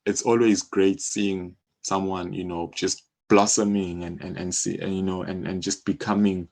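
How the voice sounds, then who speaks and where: Speaking with vocal fry and a darkish tone, this low-voiced man keeps a level tone at a moderate pace. He's a South African music publisher in his thirties, a guest in a conversational interview who informally explains his work and keeps saying "you know".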